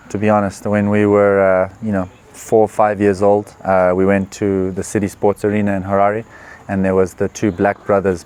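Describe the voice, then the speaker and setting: A man, a professional tennis player answering interview questions in an earnest, relaxed way with many fillers. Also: low-pitched, clear, resonant tone. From Zimbabwe. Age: 20s. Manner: relaxed, earnest, with frequent "uh" and "you know" fillers. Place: tournament venue.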